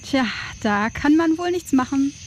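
A woman's voice: high voice, lively intonation, unhurried, slight background noise. An actress playing a cheeky, unfazed tribeswoman in an audio drama, with a casual, mocking manner. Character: cheeky, unfazed tribeswoman, teasing but helpful rebel.

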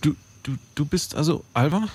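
An actor playing a flustered, devout soldier in an audio drama, stammering and breathless with fright. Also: male voice, on the high side, expressive, moderate pace, darkish tone, slightly rough. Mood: shaken. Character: flustered, devout young-sounding soldier, bumbling and easily frightened.

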